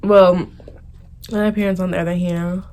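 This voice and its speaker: A woman's voice: lowish voice, flat delivery, normal speed, darkish tone. A young American woman chatting casually and informally as she tells stories in a mukbang video, prone to giggling. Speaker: vlogger. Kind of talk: casual storytime chat during a mukbang.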